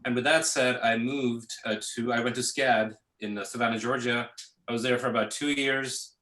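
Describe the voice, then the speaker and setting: Man from Pakistan, bright and roomy. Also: medium pitch, moderate pace. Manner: relaxed, full of fillers like "uh" and "you know". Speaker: guest, visual effects artist. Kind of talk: casual interview answers.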